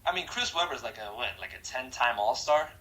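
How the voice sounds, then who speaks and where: In a casual rapid-fire this-or-that interview, a Croatian male guest talks in an animated, slangy way, dropping "bro" and "like" constantly. His voice is mid-range, and the recording is rough.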